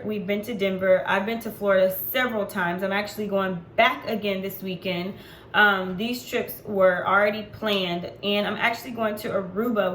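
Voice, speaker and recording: This medium-pitched, fairly bright voice belongs to a woman in her forties recording a casual vlog. She talks to camera in a chatty, unfiltered style and says um frequently, in an echoey room with faint background noise.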